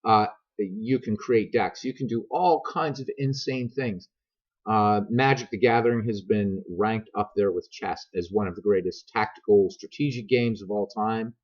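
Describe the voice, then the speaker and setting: Low-pitched American man, casual streamer chat. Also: moderate pace. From grew up many years in America; also Irish. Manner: self-deprecating, joking, digressive. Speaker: streamer and gaming video host. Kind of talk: casual rambling chat to viewers. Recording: dull lo-fi laptop microphone.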